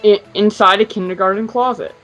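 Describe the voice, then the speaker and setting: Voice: medium pitch, fairly even intonation, fairly quick, a bit bright, soft background music, rough recording. A co-commentator on a gameplay video chatting casually over a voice call, teasing and mock-dramatic. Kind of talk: casual gaming chat. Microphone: voice call, connection drops.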